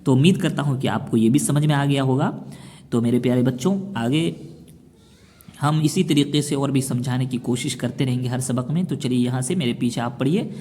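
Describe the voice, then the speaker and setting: A man teaching children to read the Quran, chanting letter sounds slowly and explaining between the drills. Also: medium pitch, dark tone. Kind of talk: recitation lesson for children. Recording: long hall reverb.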